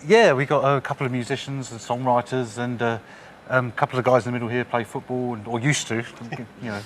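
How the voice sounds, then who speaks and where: A man in his forties speaks as a quiz show team captain, rattling through his words at a brisk pace. His pitch is ordinary and mid-range, and a faint background hiss sits under his chatty anecdote-telling. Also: fairly even intonation. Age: 40s.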